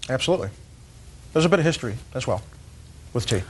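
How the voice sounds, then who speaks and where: A man's voice: mid-range voice, expressive, quick pace, slightly rough. A man giving testimony as a litigant in a TV court.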